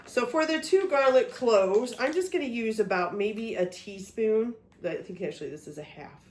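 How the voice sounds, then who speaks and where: Her voice fairly high, animated and darkish, a cooking vlog host speaks at normal speed while demonstrating a dish in her home kitchen. Still getting over a cold, she sounds a bit off, chatting through each step with frequent "okay?" check-ins. The echoey room carries a little hiss or hum.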